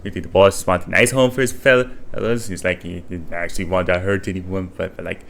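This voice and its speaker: A man talks through his gameplay in a casual, rambling way, with lots of fillers. His voice is low but has a sharp, bright edge. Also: fairly even intonation, a little fast, gravelly. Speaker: gaming channel host. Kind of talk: let's play commentary.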